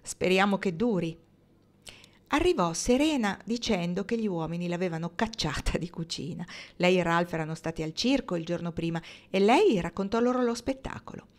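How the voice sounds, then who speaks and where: A woman narrating a novel as an audiobook in a calm, measured reading voice. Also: fairly low pitch. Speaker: audiobook reader.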